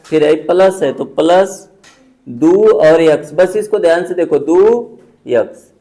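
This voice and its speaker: A man with a fairly high, dark-toned voice teaches a maths class at an unhurried pace. He walks students through every step and checks that they're keeping up, speaking colloquially with the odd dialect word.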